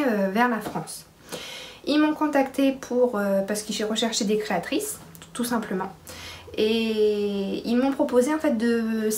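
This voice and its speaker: A woman's voice: fairly high pitch, darkish tone, a little hiss or hum. Chatty woman with frequent hesitations. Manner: chatty, many hesitations and restarts. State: pregnant. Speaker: sewing vlogger. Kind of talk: casual sewing talk to camera.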